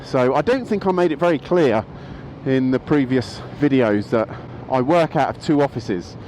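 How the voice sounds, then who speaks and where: A man's voice: mid-range voice, expressive, normal speed, a little mellow, low-quality recording. Rambling man vlogging outdoors. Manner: rambling, self-interrupting. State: out of breath. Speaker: motorcycle vlogger. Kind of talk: casual vlog monologue. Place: outdoors by a road. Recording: outdoor street noise behind.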